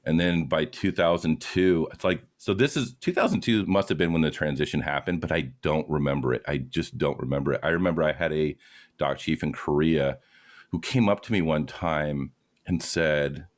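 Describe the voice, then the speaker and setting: A man in his forties telling a war story in a casual, blunt and profane way, getting louder when worked up. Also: a bass voice, moderate pace. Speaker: podcast guest, former aircraft mechanic.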